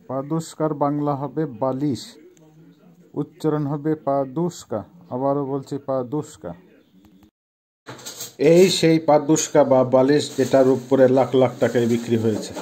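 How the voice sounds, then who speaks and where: A man's voice: medium pitch, dark tone. A man teaching vocabulary, saying each word and then repeating it with care. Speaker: language teacher. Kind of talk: slow vocabulary lesson.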